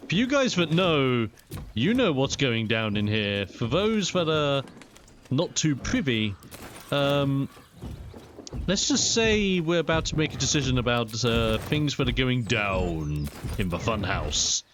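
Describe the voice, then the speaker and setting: Lively young man doing game commentary. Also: mid-range voice, slow, a little hiss or hum. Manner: chatty, expressive. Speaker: gaming video host. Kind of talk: casual let's play commentary.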